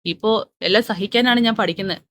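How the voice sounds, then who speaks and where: A woman reading as a calm, restrained young wife. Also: medium pitch, natural voice. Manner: measured, slow, restrained.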